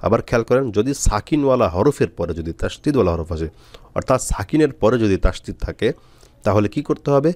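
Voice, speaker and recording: Low-voiced man teaching slow spelling. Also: a little mellow, no room sound. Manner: spells out letters and syllables slowly, pausing often. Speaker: Quran reading teacher. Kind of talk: step-by-step spelling lesson.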